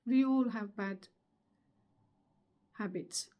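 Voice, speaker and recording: Slow, earnest middle-aged woman speaker. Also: medium pitch, dark tone. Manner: slow, earnest, emphatic delivery with pauses. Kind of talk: motivational webinar talk.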